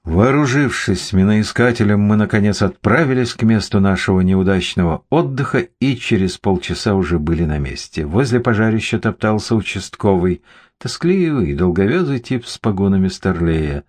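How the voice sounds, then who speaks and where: Low-voiced guy reading a crime audiobook, dry and wry. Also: animated, normal speed, a little mellow. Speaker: audiobook narrator. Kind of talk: first-person audiobook narration.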